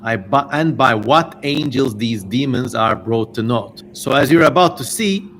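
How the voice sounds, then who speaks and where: A male livestream host with a medium-pitched, slightly bright voice reads aloud theatrically, unhurried, over noticeable background noise from an amateur streaming mic. He breaks off into informal, rambling asides and running commentary.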